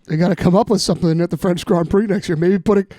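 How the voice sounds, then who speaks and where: Excitable, high-voiced man laughing along. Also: fast, dry recording, studio quality. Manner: excitable, laughing, cracking jokes. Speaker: podcast co-host. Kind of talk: casual chat.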